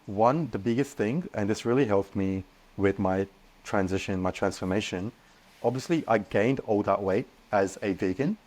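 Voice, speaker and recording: A young man speaking as a podcast guest, earnest and animated, often restarting his sentences. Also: fairly low pitch, normal speed. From Australia. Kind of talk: casual podcast interview.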